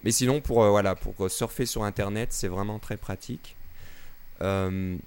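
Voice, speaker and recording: A man co-hosting a casual technical discussion, with a hoarse, broken voice that cracks, explaining things haltingly. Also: lowish voice, fairly even intonation, a little mellow. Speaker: podcast co-host.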